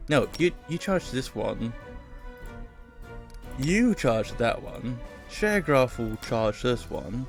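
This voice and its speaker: A man's voice: mid-range voice, big pitch swings, slow, gravelly. A man with a British-sounding accent giving casual commentary while playing a video game. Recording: music behind the voice. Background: game music.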